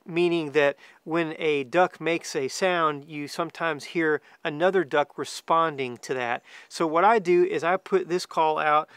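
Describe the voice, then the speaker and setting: A man's voice: fairly high pitch, fairly bright tone, clear, resonant tone, no room sound. A man around his forties from the United States, giving an informal how-to talk as a hunting instructor. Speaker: duck hunting guide and calling instructor. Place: outdoors among trees, seated.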